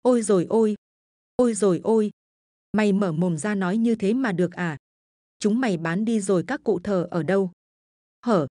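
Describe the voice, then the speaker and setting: A fierce old village grandmother scolds her children in a shrill, cutting voice, as a woman storyteller puts her on. The recording is dry and close, with no room sound. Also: normal speed, long pauses, dark tone, no room sound, natural voice. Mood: scolding.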